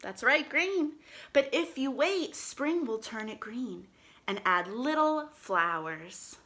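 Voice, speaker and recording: Speaking straight to a group of young children, this woman hosts storytime with lively, sing-song reading full of questions and encouragement. Her pitch sits a little high and her pace is slow.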